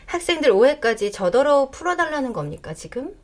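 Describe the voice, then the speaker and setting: Lively, high voice: a woman as a prickly, defensive young rival teacher in an audio drama. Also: brisk. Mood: snappish. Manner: curt, snappish, defensive. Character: cold, touchy young female rival lecturer.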